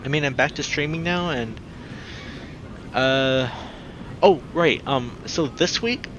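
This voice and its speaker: This young adult streamer has a fairly high, slightly bright voice and speaks slowly, with the high frequencies cut off. In a casual let's play he talks to viewers and reads a visual novel out loud over background noise.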